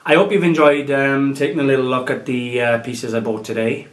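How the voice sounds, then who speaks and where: In a laid-back vlog filmed in his home dining room, a Welsh antiques dealer in his thirties runs through his market purchases and tips, with plenty of "um" and "guys." His mid-range voice is fairly quick, and his delivery is flat.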